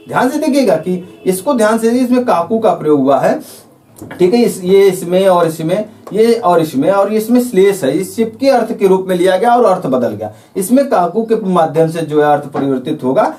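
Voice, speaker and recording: A man teaching a Hindi grammar lesson, explaining patiently, repeating himself with filler phrases and reading quoted verse lines slowly. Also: high-pitched, darkish tone, far from the mic, a little hiss or hum. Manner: repetitive, careful, with frequent filler phrases.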